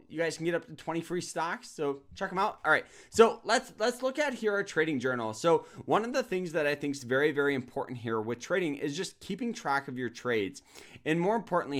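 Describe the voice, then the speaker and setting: A man's voice: fairly high pitch, a bit bright. A man hosting an upbeat trading lesson over a screen share, talking casually and often repeating words as he goes. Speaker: trading course host.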